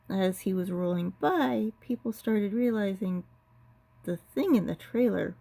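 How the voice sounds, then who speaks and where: A woman telling a family story from her childhood in a relaxed, rambling way, stringing events together with lots of "and"s. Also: medium pitch, creaky.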